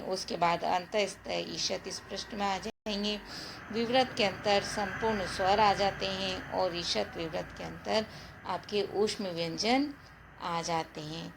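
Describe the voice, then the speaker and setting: A woman teacher giving a slow, deliberate grammar lesson and addressing her viewers as friends. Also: mid-range voice, vocal fry, background noise. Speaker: Hindi teacher.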